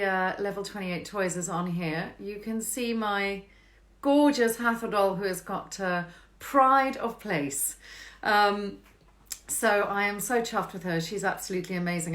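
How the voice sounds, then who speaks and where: A woman's voice: mid-range voice, normal speed, a bit bright. A woman from South Africa hosting a live online interview from home, chatty and bubbly, often laughing. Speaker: host. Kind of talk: casual interview chat. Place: home, on a video call. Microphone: video call.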